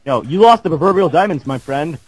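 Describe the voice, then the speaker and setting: A man's voice: a little high, animated, brisk, a crowd in the background. A man joining as a guest player, wisecracking in casual gameplay banter.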